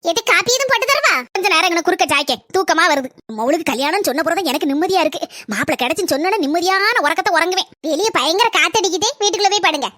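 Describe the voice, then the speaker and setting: A woman voicing a fussy middle-aged village mother in a cartoon, speaking Kanyakumari Tamil and nagging loudly. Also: very high-pitched, lively intonation, no echo, clean studio sound, exaggerated voice. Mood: worried. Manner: nagging, loud and fast. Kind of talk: animated cartoon voice acting.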